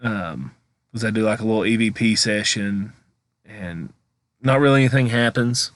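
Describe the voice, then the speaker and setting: Low-voiced man, rambling casual vlog commentary. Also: no room sound. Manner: rambling, halting, thinking aloud. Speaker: paranormal investigation vlogger. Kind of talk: casual director's cut commentary over own footage.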